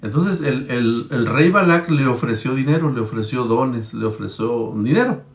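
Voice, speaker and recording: A man's voice: mid-range voice, expressive, moderate pace, reverberant. A man preaching, retelling Bible stories in a conversational, storytelling way and checking in with his listeners. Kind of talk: Bible-teaching sermon.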